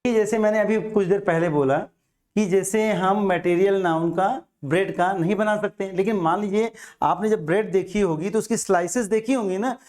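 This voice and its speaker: A man's voice: high-pitched, normal speed, darkish tone. A man teaching an exam-prep grammar lecture, patient and repetitive, asking and answering his own questions.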